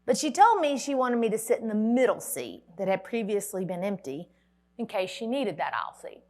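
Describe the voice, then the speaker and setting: A woman's voice: medium pitch, sing-song, brisk, a little mellow. A woman, giving a motivational keynote at a conference and telling a dramatic story with wry humor. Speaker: motivational speaker. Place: conference hall.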